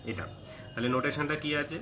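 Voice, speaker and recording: A man teaching a flute lesson, slowly chanting note names and singing the lyric lines between short spoken explanations. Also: fairly high pitch, sharp tone, a little hiss or hum. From India. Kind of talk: step-by-step music lesson. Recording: music clearly heard behind.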